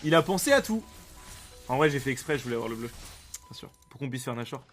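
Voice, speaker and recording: A man giving excited live commentary on his own game play, excitable and swearing freely, bursting into shouts. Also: mid-range voice, quick pace, soft background music. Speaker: streamer playing an online battle game.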